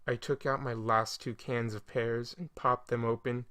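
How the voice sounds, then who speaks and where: A man reading a scripted first-person story in a measured, even way. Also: mid-range voice. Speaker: narrator.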